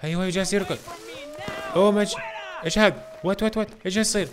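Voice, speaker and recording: A young man commentating his gameplay for viewers, reacting loudly and excitedly to what happens on screen. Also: sits high, racing, background noise. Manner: reacts loudly to game events, addresses viewers as "guys". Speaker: gaming channel host. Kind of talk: excitable let's-play commentary.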